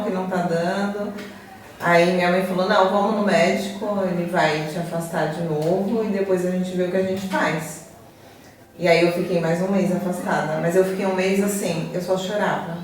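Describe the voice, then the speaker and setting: A woman giving a personal testimony as a guest, telling her story in an animated way and acting out the conversations. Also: fairly low pitch. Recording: echoey room, far from mic.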